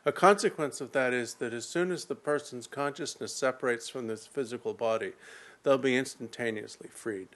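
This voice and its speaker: A man interpreting a dharma teaching, speaking at a middle pitch in an unhurried, explanatory way. He lays out each point carefully and pauses now and then to find the right words. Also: a bit bright. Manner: measured, explanatory, with occasional pauses.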